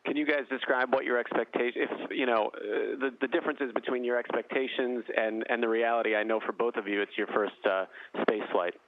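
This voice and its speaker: A man working as a news reporter, asking informal, halting interview questions over a phone line. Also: medium pitch, fairly even intonation. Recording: tinny, dry phone line.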